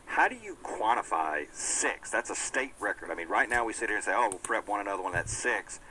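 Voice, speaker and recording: A man's voice: lowish voice, big pitch swings, fairly quick, bright, forceful tone, slight background noise, poor audio. A man hosting a live sports show, upbeat and self-deprecating in his banter. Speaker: sports radio host.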